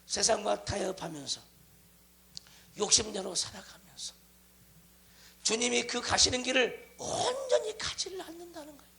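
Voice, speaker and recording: Man, pastor, passionate sermon, lively rising and falling pitch, gravelly tone, loud cries and hushed lines. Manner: dramatic swings between loud cries and hushed near-whispers; drawn-out, slowed phrasing on scripture lines. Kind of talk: impassioned sermon.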